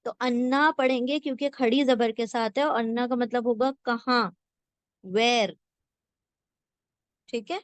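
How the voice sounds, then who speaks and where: A woman teaching a word-by-word scripture translation lesson, slowly and patiently, repeating each word and checking that listeners follow. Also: a little high, fairly even intonation, no echo. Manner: slow patient teaching, repeats words and asks "theek hai?".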